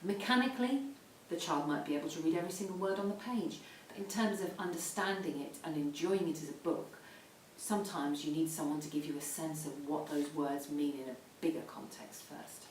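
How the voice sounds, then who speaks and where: A middle-aged woman gives an explanatory talk to parents in an instructive way, stressing key points. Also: fairly quick. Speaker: reading educator advising parents. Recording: roomy echo, distant mic, faint rumbling noise.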